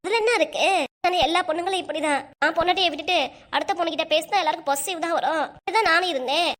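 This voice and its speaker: A nagging older grandmother from a cartoon rattles off complaints at breakneck speed in a high voice with a southern Tamil Kanyakumari accent, voiced by a woman. She scolds and fusses without pause. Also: a bit bright. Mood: arguing. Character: scolding, fussy older grandmother and mother-in-law. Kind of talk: cartoon voice acting.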